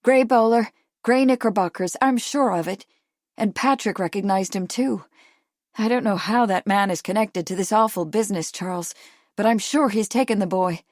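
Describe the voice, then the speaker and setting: A woman's voice: mid-range voice, moderate pace, darkish tone, no echo, clean studio sound, lightly acted. A woman narrator voicing an anxious, determined young Victorian woman, speaking earnestly and urgently. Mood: intent.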